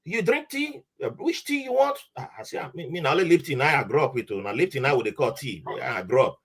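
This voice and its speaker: A man with a Nigerian accent tells a story casually as a podcast guest, speaking fast in a mid-range, slightly rough voice. He's animated, slips into Nigerian Pidgin, and acts out the voices he quotes.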